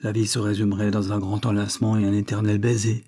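Agent de police railleur et sentencieux, voix douce, un peu voilée, lu par un homme. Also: male voice, on the low side, completely flat delivery, quick pace, warm tone, natural voice. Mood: mocking. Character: worldly ironic male police agent, blunt.

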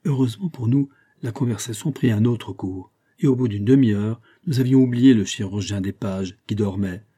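Low, husky-voiced male narrator. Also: moderate pace, few pauses, dark tone. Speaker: audiobook narrator. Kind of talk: scripted narration.

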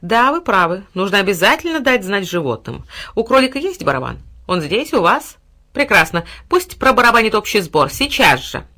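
A woman voicing a sly, flattering male cat who talks in a sugary, scheming way. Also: medium pitch, moderate pace, full character voice. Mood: fawning. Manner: sugary, fawning, scornful aside.

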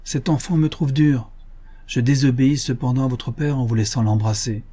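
A man's voice: mid-range voice, steady tone, normal speed, warm tone, slightly rough, natural voice. Man reading as a stern young merchant. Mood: cold. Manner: grave, severe delivery. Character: stern young male merchant, cold and grave.

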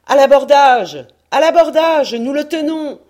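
A woman voicing a band of fierce male sailors shouting battle cries as they board an enemy ship. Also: high-pitched, animated, a little slow, voice pushed up.

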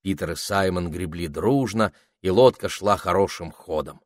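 A man narrating a children's fantasy audiobook in an expressive storytelling manner. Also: low-pitched, moderate pace, no room sound, clean studio sound.

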